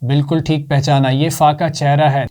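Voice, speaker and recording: A male teacher with a Pakistani accent giving a children's lesson, slowly drawing out each sound and praising often. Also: on the high side, level tone, warm tone. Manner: slow, drawn-out repetition with praise.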